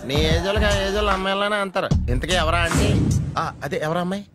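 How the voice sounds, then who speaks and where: Guy acting as a young wisecracker, high voice, rattles fast, music behind. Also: close to an everyday voice. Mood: wisecracking. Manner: teasing, wisecracking, laughs at others. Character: cheeky young man, quick-witted and mocking. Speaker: cheeky nephew and job seeker.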